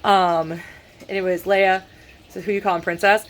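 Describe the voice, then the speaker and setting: A woman's voice: lowish voice, fairly even intonation, normal speed. A congested woman talking casually to her vlog camera, rambling with dry sarcastic asides. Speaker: vlogger.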